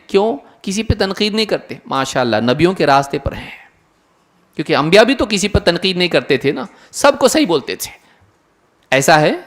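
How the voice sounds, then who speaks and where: A man's voice: high-pitched, a bit bright. A man giving an earnest religious lecture to an audience, asking many rhetorical questions. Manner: earnest, rhetorical questions, mimics imagined listeners. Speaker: Islamic lecturer. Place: lecture hall.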